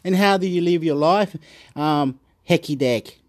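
A man from Chile rants to his camera, repeating himself and swearing as he works himself up. His voice sits a little high for a man. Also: a little slow. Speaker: YouTube vlogger. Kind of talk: rambling angry rant.

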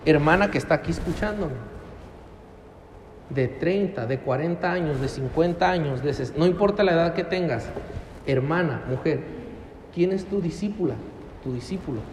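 A man's voice: on the high side, normal speed, long pauses, darkish tone, a little hiss or hum. A middle-aged man with a Mexican accent preaching a sermon in a church hall, emphatic and full of rhetorical questions. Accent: Mexican Spanish. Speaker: pastor. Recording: long church hall reverb.

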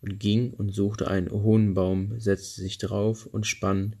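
A man narrating a fairy tale in a very deep, flat voice with a gravelly rasp. He reads steadily and without hurry, with a husky, breathy edge, fixing small slips as he goes. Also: slow pace. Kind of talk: reading a fairy tale aloud.

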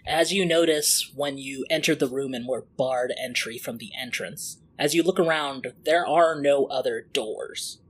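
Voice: medium pitch, unhurried, few pauses, husky. A game master narrating a tabletop role-playing game and putting questions to the players. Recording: faint background noise.

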